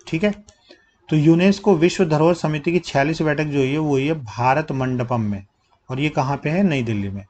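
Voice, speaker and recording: A young man teaching current affairs for exam prep, asking questions and answering them himself, dropping low to stress key facts while he writes with a pen. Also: a little mellow, slight background noise.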